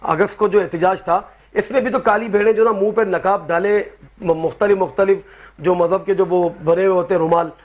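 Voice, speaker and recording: A man's voice: high-pitched, fairly even intonation, moderate pace. A male party representative arguing his case on a talk show, firing off rhetorical questions. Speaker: party spokesman guest. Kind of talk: heated political debate.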